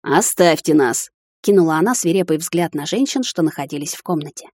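A woman reading a first-person fantasy audiobook in a measured storytelling voice. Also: deep voice, expressive, warm tone, no echo, clean studio sound. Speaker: audiobook narrator.

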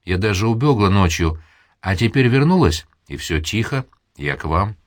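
A man's voice: on the low side, lively intonation, normal speed, dry recording, studio quality, lightly acted. A man voicing a timid young maidservant who speaks in simple folksy phrases. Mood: fearful. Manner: timid, plain folksy speech.

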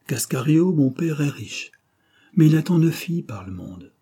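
A man's voice: on the high side, very animated, normal speed, warm tone, breathy edge, pitched above the performer's own voice, exaggerated voice. A man reading the part of a bold young woman, a brigand's daughter, who speaks in a playful, frank way.

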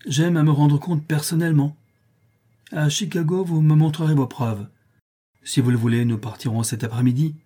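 A man's voice: a little high, fairly even intonation, normal speed, warm tone, voice pushed up, close to an everyday voice. A man voicing a wary, calculating male heir who questions firmly, in a story reading.

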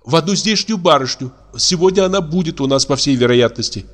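A man reading a play aloud, voicing an eager young woman who chats brightly. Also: a little high, expressive, a little fast. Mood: chatty.

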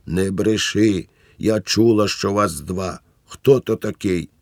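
A man reading aloud and voicing a furious, grieving mother who shrieks curses in a high, loud voice. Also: takes it slowly, dry recording, studio quality. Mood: suspicious. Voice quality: shrill, shrieking.

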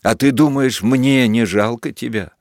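A man's voice: mid-range voice, measured pace, no room sound, clean studio sound, close to an everyday voice. A man voicing a sly, sadistic army lieutenant who feigns mercy in an audiobook, coaxing in a mock-kindly way. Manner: mock-kindly coaxing, then gleeful shouting. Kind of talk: audiobook character voice.

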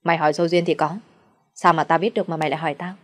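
A woman voicing a calm young gentleman who answers curtly and drily. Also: low-pitched, racing. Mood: calm dry. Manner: curt, dry.

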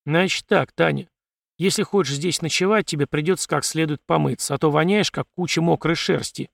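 A gruff, sardonic survivor giving curt orders with dry mockery, as a male reader plays him. The voice is gravelly and a bit high for a man, recorded close and dry with no room sound. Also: a little fast, no echo. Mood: bossy. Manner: dry, bossy, mocking.

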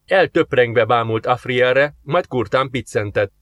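A man narrating an audiobook in a steady, measured reading voice. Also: mid-range voice, no echo. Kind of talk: scripted narration.

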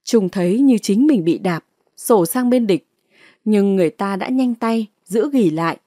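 A woman audiobook narrator reading a novel in a dramatic, clear storytelling manner. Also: medium pitch, animated, a little slow, warm tone, no echo, clean studio sound.

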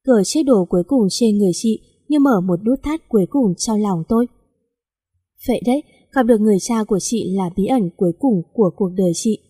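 A woman reading a romance story aloud in a soft, sentimental storytelling manner. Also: medium pitch, brisk, breathy edge. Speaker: story reader. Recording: long reverb.

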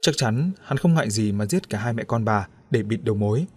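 A man narrating a story aloud in a steady, expressive voice. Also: fairly low pitch, fairly quick, breathy edge. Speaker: audiobook narrator.

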